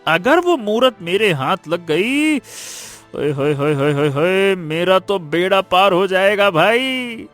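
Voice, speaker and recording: A greedy village schemer who brags loudly and stammers when cornered, played by a man. His voice sits high and he stretches his words out slowly. Faint music runs under this cartoon story. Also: sing-song, full character voice. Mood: scheming. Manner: blustering, stammers when caught out. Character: greedy boastful male villager, cowardly underneath. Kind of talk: cartoon voice acting.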